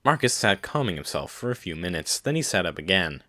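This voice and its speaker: A man narrates a science-fiction novel in a very low voice. The sound is dry and close to the mic, and his reading is steady and measured. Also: no room sound. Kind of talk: scripted audiobook narration.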